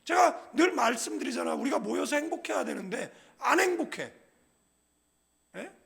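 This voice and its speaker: Middle-aged pastor, man, high and gravelly, lively jokey sermon with constant call-and-response to the congregation. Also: normal speed. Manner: humorous, conversational preaching with frequent call-and-response "예?"; acts out quoted people in a lower, softer voice. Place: church sanctuary.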